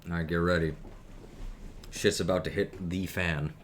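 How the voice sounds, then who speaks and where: A man's voice: low voice, fairly even intonation, normal speed, slight background noise. A man streamer reading a visual novel aloud, with casual, profane asides between the narration.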